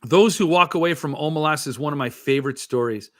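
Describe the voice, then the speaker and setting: A male host with a slightly high voice talks in a loose, rambling way. His s sounds come out slushy with a lisp. He thinks aloud, hesitating and wandering into asides. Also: fast, a bit bright. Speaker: host of a book-collecting show. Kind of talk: casual rambling chat.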